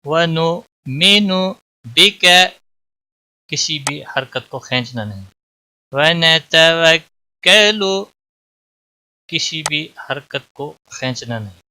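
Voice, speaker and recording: A man teaching Quran recitation rules, chanting each phrase slowly and drawn out, then explaining in plain spoken instruction. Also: mid-range voice, pushed and bright. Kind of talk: tajweed lesson, chanted examples then explanations.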